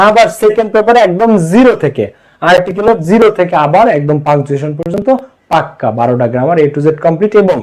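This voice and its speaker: High-voiced Bangladeshi man teaching English. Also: darkish tone. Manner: asks the class questions and answers them himself. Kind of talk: online class lecture.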